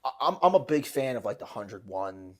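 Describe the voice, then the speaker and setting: A man's voice: on the low side, very animated, normal speed. A man hosting a podcast, chatting casually and telling stories in a rambling way, with frequent restarts. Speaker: podcast host.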